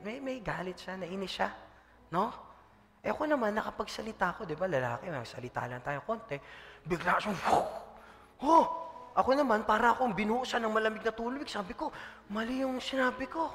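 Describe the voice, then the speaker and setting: A man's voice: sits high, quick pace, big-room sound, slight background noise. A man preaching a sermon as a pastor. He preaches with energy, mixes in English, and keeps asking the congregation "Amen?". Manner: lively preaching, mixing in English, often asking the room "Amen?".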